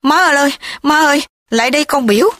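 A woman voicing a violent, raving young male lordling who shouts threats. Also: medium pitch, animated, normal speed, dry recording, studio quality.

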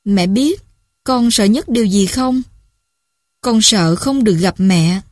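A woman voicing a drunk, frightened teenage girl calling home at night, slurred and halting. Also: medium pitch, animated, darkish tone, no room sound, studio quality.

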